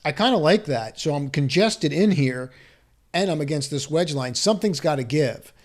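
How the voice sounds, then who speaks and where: This analyst's voice sits a little high and sounds expressive, moving at a moderate pace as he goes over stock charts on screen. He reasons aloud, hedging his advice, restarting and asking rhetorical questions.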